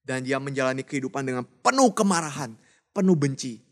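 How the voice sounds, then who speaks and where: A man preaching a Bible story to children, telling it with lively rises and soft hushed endings. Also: mid-range voice, brisk.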